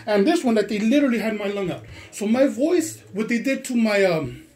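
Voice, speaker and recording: Insistent, deep-voiced middle-aged father. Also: animated, darkish tone. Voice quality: deep, strained voice after surgery. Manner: insistent, rapid-fire questioning, then long explanations. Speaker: parent. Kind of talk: heated complaint to school staff. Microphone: handheld phone recording.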